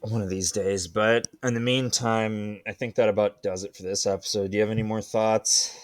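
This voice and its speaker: A man's voice: fairly low pitch, fairly even intonation, normal speed. A man co-hosting a podcast, chatting casually in a wry, rambling way. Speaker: podcast co-host. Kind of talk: casual banter.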